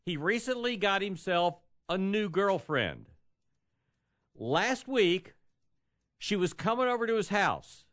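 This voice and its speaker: A man's voice: sits high, sing-song, takes it slowly, long pauses, fairly bright tone, dry recording, studio quality. A man hosting a morning radio show, telling stories and chatting casually. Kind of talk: casual radio chat and storytelling.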